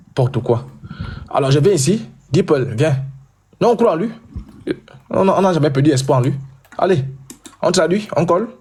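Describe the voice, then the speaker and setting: A man hosting a heated live debate, talking loudly and insistently and repeating himself. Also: on the high side, a little hiss or hum.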